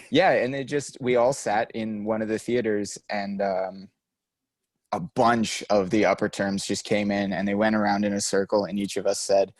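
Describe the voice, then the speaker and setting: A man in his twenties co-hosting a podcast, chatting casually with quick self-mocking asides. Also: lowish voice, little pitch movement, no room sound. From Canada. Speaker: podcast co-host. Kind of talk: casual chat.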